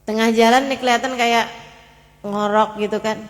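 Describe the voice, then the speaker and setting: A woman preacher telling a story in an animated way and speaking directly to her congregation. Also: a little high, moderate pace, long reverb tail. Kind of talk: sermon storytelling.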